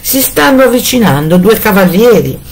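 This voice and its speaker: A woman's voice: mid-range voice, very animated, moderate pace, a little mellow, pitched above the performer's own voice. A woman voicing a young, terrified wife who pleads and calls out anxiously. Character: young terrified wife begging for her life.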